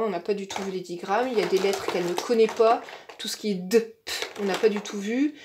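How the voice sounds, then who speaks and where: A woman casually explaining how to teach young children to read, chatty and full of fillers, slowing down to demonstrate. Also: medium pitch, noisy background. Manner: chatty with frequent fillers and repeated words; slows down and stretches words when demonstrating to a child.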